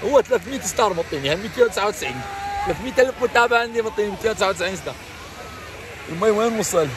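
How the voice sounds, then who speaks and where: A man in his thirties with an Iraqi Arabic accent, exclaiming excitedly as he vlogs casually while standing in ice cold water. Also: high-pitched, a crowd in the background. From Iraq. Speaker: vlogger. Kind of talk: casual selfie vlog. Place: outdoors, in a lake beside a fountain. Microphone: phone at arm's length. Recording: noisy outdoor phone audio, rushing water.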